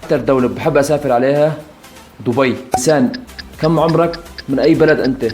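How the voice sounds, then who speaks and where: This Aleppo-born YouTuber in his 20s speaks fast in a mid-range voice, with music playing behind him. He has a Syrian Arabic accent and chats casually with his followers, answering their questions in a vlog.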